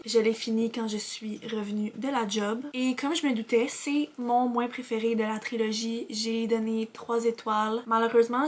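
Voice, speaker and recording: A young woman with a Québécois French accent talks through her reading in a relaxed vlog voice-over. Her voice sits a little high but stays fairly level in tone. She is candid and chatty, with a sore throat from an oncoming cold. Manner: chatty and candid, reviewing books. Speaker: book vlogger.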